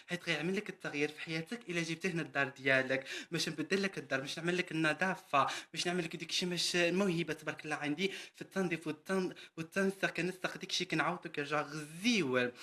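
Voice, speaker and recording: A boastful, self-important Moroccan housemaid woman, played by a man rattles on at a breakneck pace in a comedy sketch. The voice sits fairly high and bright, with a Moroccan Arabic accent, and she keeps calling the listener sister. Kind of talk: comedy character monologue.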